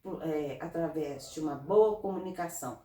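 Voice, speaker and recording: A woman from Brazil, a guest in an interview, giving earnest, animated advice in casual talk. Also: low-pitched, normal speed, a little hiss or hum. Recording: roomy, from a distance off mic.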